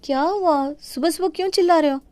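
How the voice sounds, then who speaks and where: A woman's voice: very high-pitched, fairly quick, darkish tone, dry recording, studio quality, voice pushed up. A woman voicing a defiant young daughter-in-law who talks back and mocks in a cartoon. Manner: mocking, talking back.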